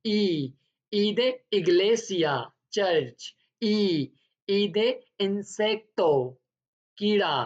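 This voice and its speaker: A woman gives an alphabet lesson at an unhurried, careful pace. She spells out each word letter by letter and repeats it before translating. The recording sounds dull and lo-fi. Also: medium pitch, a little mellow. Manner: slow and deliberate, repeating each word then giving its meaning. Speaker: Spanish teacher.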